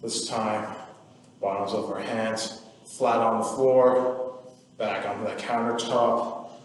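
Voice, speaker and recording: A man leading a guided movement workout, calmly counting reps and cueing stretches with the odd joking aside. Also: fairly low pitch, slow. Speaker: fitness instructor. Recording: echoey room from far off with faint ambience.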